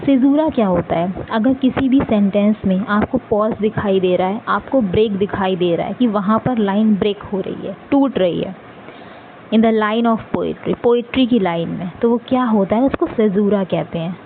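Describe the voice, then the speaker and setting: A woman teaching literary terms for exams in Hindi and Indian-accented English, speaking fast, repeating each point and checking that students follow. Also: mid-range voice. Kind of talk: exam-prep lecture in Hinglish. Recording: tinny phone-like audio with clear background noise.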